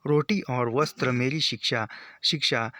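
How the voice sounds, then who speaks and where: A man teaching a play, reading lines aloud and then paraphrasing them in plain words, with a slow, halting delivery and frequent restarts. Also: mid-range voice, pushed and bright. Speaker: literature teacher.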